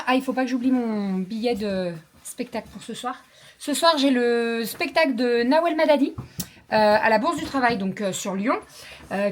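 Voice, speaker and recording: A woman vlogger chatting casually about her day at home, slangy and full of filler pauses. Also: high voice, fairly bright tone, slight background noise. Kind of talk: casual daily vlog chat.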